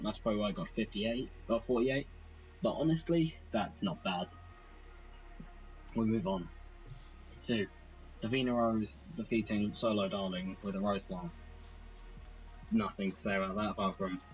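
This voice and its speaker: A man with a fairly low voice talks through a game in a loose, rambling way, poking fun at himself as he goes. Soft music plays quietly in the background. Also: normal speed, long pauses, rough recording. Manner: rambling, self-deprecating, chatty. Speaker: let's play host. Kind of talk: casual game commentary.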